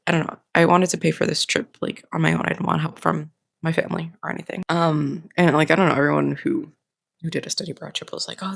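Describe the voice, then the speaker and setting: The medium-pitched, fairly bright voice of a young adult vlogger carries vocal fry and a slightly nasal edge. Recorded clean in a studio with no room sound, the informal, candid vlog wanders, with frequent restarts and repetitions.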